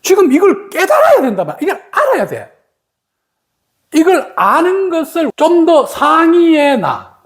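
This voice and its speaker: High, lively woman teaching meditation. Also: unhurried. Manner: asks the listeners rhetorical questions; explains patiently with everyday examples.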